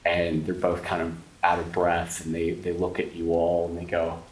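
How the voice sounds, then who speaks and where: A man's voice: deep voice, completely flat delivery, normal speed. A man narrating a tabletop horror game as game master, describing scenes and talking directly to the players. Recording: roomy echo, distant mic, faint noise.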